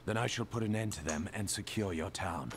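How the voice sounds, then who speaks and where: Actor as a steadfast game hero, low and firm. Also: male voice, moderate pace, slight background noise, lightly acted. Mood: determined. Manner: firm, determined delivery. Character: resolute male hero. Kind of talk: video game voice acting.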